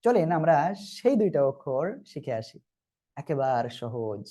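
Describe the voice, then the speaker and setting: A man's voice: medium pitch, big pitch swings, unhurried, mellow. A man teaching Arabic letters in a Quran reading lesson, patient and repetitive, often checking that learners follow. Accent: Bangladeshi Bengali. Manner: patient, repeats and checks understanding.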